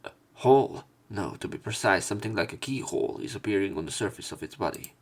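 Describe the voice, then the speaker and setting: A man with a lowish voice does a let's play of a visual novel, reading its text aloud theatrically at a quick pace. His delivery is expressive, and he breaks off now and then for his own commentary.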